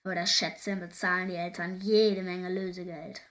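Woman voicing a pirate captain, male, gruff, bossy, growling, storybook. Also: fairly low pitch, little pitch movement, normal speed, fairly bright tone, natural voice. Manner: growling, barking orders. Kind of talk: storybook reading.

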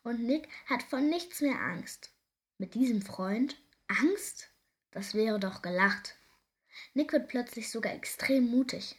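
A woman reading a children's story aloud, gentle and expressive, sometimes dropping to a soft whisper. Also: fairly high pitch, slow pace.

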